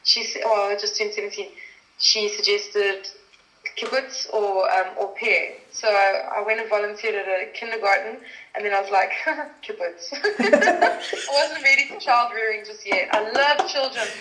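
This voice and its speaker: A South African actress appears as a guest in a casual interview, telling stories in a chatty way and laughing often. Her fairly bright voice is medium-pitched at a moderate pace, recorded in an echoey room.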